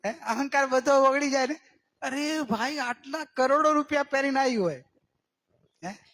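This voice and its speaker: Man, spiritual teacher, religious discourse, very high voice, coaxing questions, slow stretched emphasis. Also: a bit bright. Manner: questioning, coaxing listeners with repeated checks; drawls out key words slowly for emphasis.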